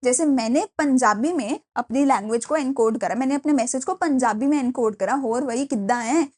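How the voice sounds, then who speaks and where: A young woman teaching a class in a lively, chatty way, mixing in English phrases. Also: high-pitched, fairly quick, slightly rough. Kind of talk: classroom lecture.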